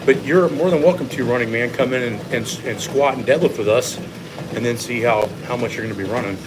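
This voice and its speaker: Over the steady drone of a treadmill, a man coaches livestream viewers in a casual way, explaining and weighing in with opinions. He's a fitness coach hosting a live Q&A, speaking fairly quickly at a medium pitch, and the recording is clear.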